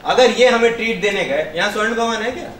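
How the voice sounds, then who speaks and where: A high-pitched male trainer leads a workshop, hammering key words and firing questions at the room. He is heard from a distance in a reverberant hall, with faint noise in the background. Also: a little fast, a bit bright. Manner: emphatic, quizzes the audience, mixes in English. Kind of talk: interactive workshop teaching. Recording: echoey room, far from the mic, faint noise.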